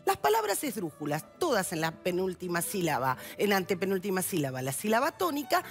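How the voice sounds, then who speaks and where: A woman's voice: medium pitch, huge pitch swings, brisk, soft background music. A woman with an Argentine accent explaining spelling rules on a TV news show in a patient, teacherly way. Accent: Argentine Spanish. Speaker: language columnist. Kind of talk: explanatory TV segment.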